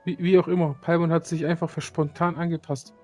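Chatty little companion, man reading it aloud, slightly high, faint music. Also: level tone, fairly quick, a little mellow, natural voice. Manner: reads game lines aloud, with slips. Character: small chatty female floating companion.

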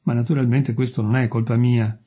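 A man's voice: mid-range voice, flat delivery, fairly quick, warm tone, slightly rough, close to an everyday voice. A man voicing a selfish miller who talks in a pompous, self-righteous way. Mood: smug.

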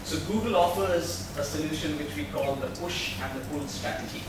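A man with a slightly high voice speaks at a moderate pace while presenting at a tech meetup, explaining from a podium and questioning the audience. He's in a large meeting room. A distant camera microphone captures the noisy, echoing sound.

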